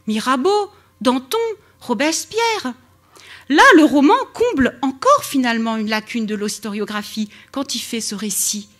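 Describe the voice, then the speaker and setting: French woman lecturer, high voice, very lively intonation, public talk. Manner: expressive, emphatic lecturing with brief restarts.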